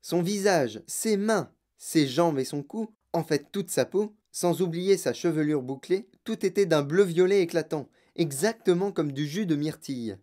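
A woman narrating a children's storybook aloud in a steady, clear way. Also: low voice, measured pace, few pauses.

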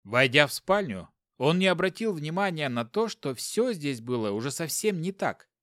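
A man narrating a tense fiction audiobook with expressive, dramatic reading. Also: a little high, normal speed, dry recording, studio quality.

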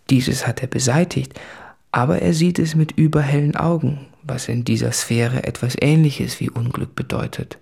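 Speaking to his fiancée, an anguished male writer wracked with guilt is brought to life by an actor in a radio play monologue taken from letters and diaries. The voice is husky, of medium pitch and darkish in tone, delivering an intense, introspective, articulate confession in a brooding mood.

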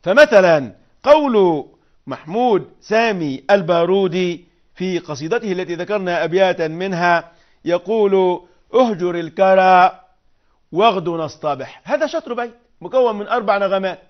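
A man's voice: high voice, expressive, lo-fi sound. Man teaching poetic meter. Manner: explains patiently, chants verse and meter syllables slowly. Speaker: Arabic prosody teacher.

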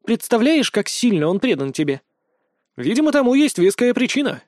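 A man's voice: extremely high pitch, very animated, normal speed, darkish tone, no room sound, clean studio sound, pitched above the performer's own voice. A man reading an audiobook, voicing a mischievous, clingy wolf girl. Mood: sly.

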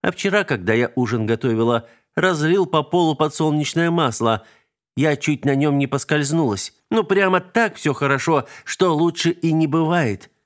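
Brief: harried strict mom, sharp scolding tone, sarcastic, voiced by a male reader. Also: a little high, moderate pace, pitched above the performer's own voice, natural voice. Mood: exasperated. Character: stern irritable young mother.

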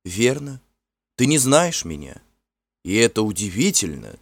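A man voicing a proud, warm-hearted warrior chief who speaks in forceful, ringing declarations in a storybook reading. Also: lowish voice, very animated, a little slow, gravelly, dry recording, heavily acted. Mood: kindly.

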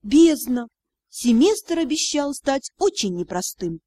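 A woman narrating an audiobook in the first person, with a lively, expressive reading. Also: a little high, normal speed, no echo, clean studio sound.

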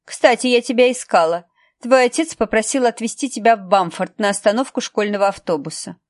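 Lady doing a cold snippy bossy woman in an audiobook, mocking, a bit higher and louder. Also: brisk, no room sound, studio quality, natural voice. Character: cold sarcastic woman assistant, cutting and bossy.

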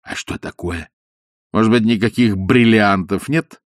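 A man voicing a timid, ingratiating older man who speaks in a hushed, wary tone. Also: lowish voice, unhurried, no room sound, clean studio sound, natural voice.

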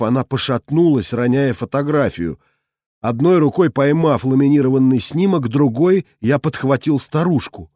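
In a clean studio with no echo, a male audiobook reader narrates a first-person story. His mid-range voice keeps an even, measured storytelling manner.

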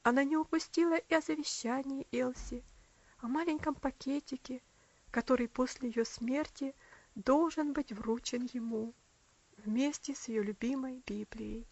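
A woman narrating an audiobook in a measured, expressive reading voice. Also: sits high. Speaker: audiobook reader. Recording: dry, slightly muffled.

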